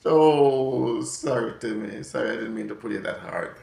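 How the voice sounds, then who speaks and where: A man with a Jamaican accent putting on an over-apologetic American parent, whiny and drawn-out. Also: mid-range voice, vocal fry, a little mellow, reverberant. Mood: mock-apologetic.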